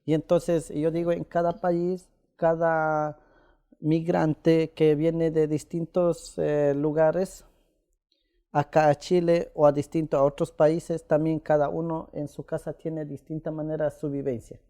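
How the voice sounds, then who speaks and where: Soft-toned man. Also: a little high, flat delivery. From Ecuador. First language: Quichua. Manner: halting, with many pauses and "eh" fillers. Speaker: interviewee. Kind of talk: casual conversation.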